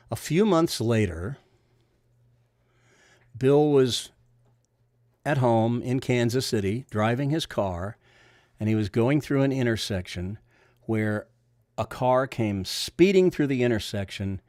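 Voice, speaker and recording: An older man with a Missouri accent and a deep, nasal voice, a bowling coach chatting casually on a livestream, rambling and reading viewer comments aloud before answering them. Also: darkish tone, no echo, studio quality.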